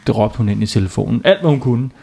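A man's voice: lowish voice, lively intonation, creaky, warm tone, slightly rough. A man, a father, telling a silly bedtime story to children, playful and often asking them questions.

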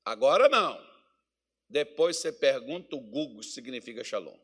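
A man's voice: medium pitch, expressive, moderate pace, a bit bright, husky. A male pastor from Minas Gerais preaching a sermon, mixing folksy joking asides with emphatic, rising preaching. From Minas Gerais, Brazil. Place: church meeting hall.

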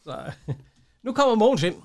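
A man co-hosting a casual podcast, talking haltingly with many fillers and laughing often. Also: high-pitched, very animated, a little mellow. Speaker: podcast co-host. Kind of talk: casual chat.

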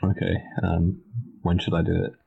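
A man with a very deep, gravelly and husky voice, co-hosting a casual podcast. He answers in short, dry lines. The sound is slightly dull. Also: monotone, moderate pace. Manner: laconic, dry short replies. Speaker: podcast co-host. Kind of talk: casual chat.

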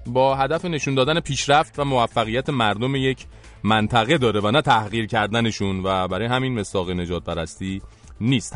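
Iranian man hosting satire over faint music. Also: mid-range voice. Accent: Iranian Persian. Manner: mock-formal award presenting, colloquial. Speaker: host of a satirical show. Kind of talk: scripted satirical press review.

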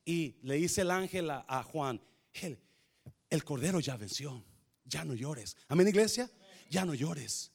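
High-pitched pastor guy preaching, shouts then drops to a whisper, talks back and forth with the church. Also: lively intonation, measured pace, creaky, breathy edge. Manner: swings from shouting to near-whisper, call-and-response. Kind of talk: sermon.

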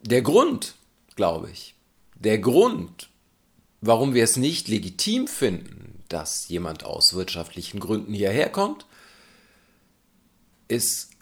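A man giving a reflective spoken essay in a thoughtful, questioning, argumentative way. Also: lowish voice.

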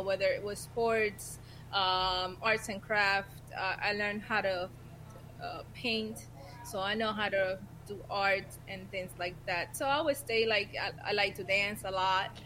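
A woman's voice: medium pitch, steady tone, measured pace, bright, forceful tone, slight background noise, poor audio. A woman from Puerto Rico, a guest on a talk show, answering in a friendly way with many fillers. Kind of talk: casual interview chat.

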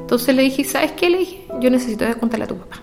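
A woman's voice: high voice, lively intonation, quick pace. A middle-aged woman with a Chilean accent, telling a personal story with feeling and acting out whole conversations. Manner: emotional, retells dialogue at length. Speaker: interviewee. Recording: clear music playing behind.

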